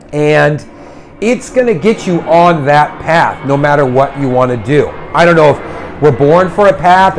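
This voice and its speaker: A man in his forties hosting a casual livestream, giving encouraging advice in an animated way. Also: on the high side. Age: 40s. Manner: animated, encouraging, acts out little voices. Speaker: host. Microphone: phone livestream.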